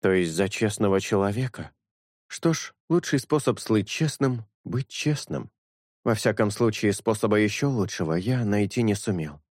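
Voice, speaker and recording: A man reading an audiobook, voicing an earnest young priest who speaks in a measured, sincere way. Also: on the low side, expressive, darkish tone, no echo, clean studio sound. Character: earnest young male priest, calm and honest.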